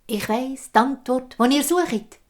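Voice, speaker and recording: A woman storyteller with a Swiss German accent voicing a repulsive old woman who bargains slowly and slyly. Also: high-pitched, pitched above the performer's own voice. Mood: sly, bargaining.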